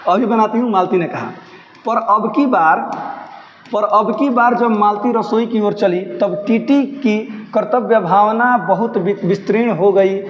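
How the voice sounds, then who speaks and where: A Bihari-accented man teaches a story line by line, shifting between formal reading and dialect chat with students. His voice sits high for a man. The recording is dull and lo-fi, with a long roomy echo. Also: measured pace, a little hiss or hum. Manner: switches between textbook Hindi and Bhojpuri-tinged dialect, acting out quotes. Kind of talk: line-by-line lesson explanation.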